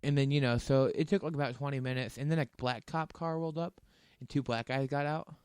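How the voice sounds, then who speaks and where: A man's voice: mid-range voice, steady tone, fast talker, darkish tone, smooth, no echo. A young man co-hosting a casual podcast, telling a long rambling story with frequent restarts and laughs. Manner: rambling, laughs through his stories, many restarts. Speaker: podcast co-host.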